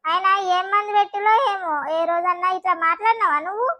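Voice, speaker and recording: Woman voicing a squeaky quarrelsome Telangana wife. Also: fast. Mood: combative. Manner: sharp, combative retorts. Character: quarrelsome young village daughter-in-law.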